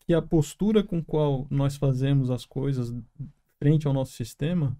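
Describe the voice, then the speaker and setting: A man from Florianópolis with its local accent, a therapist co-hosting a podcast, speaking in a measured, affirming way. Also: medium pitch, warm tone. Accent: Florianópolis Portuguese. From Florianópolis, Brazil. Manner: measured, affirming with frequent uhum. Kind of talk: reflective podcast conversation. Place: small room with three people.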